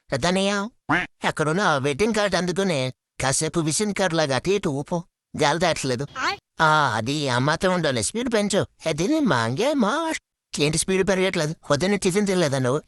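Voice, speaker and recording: A performer voicing a cheeky, greedy young female pug dog in a comic pet video, nagging and whining in quick chatter. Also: mid-range voice, lively intonation, dry recording, studio quality, natural voice. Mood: complaining. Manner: fast, whiny nagging chatter.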